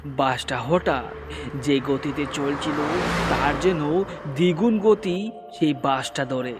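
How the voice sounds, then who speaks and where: A man narrating a horror story in a slow, dramatic storytelling manner. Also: fairly high pitch. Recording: long reverb with background music.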